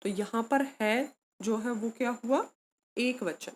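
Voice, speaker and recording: A woman teaches students a grammar lesson, explaining patiently, asking questions and answering them herself, calling the students "beta" and mixing in English words. Her voice is fairly high and slow, with a little hiss or hum.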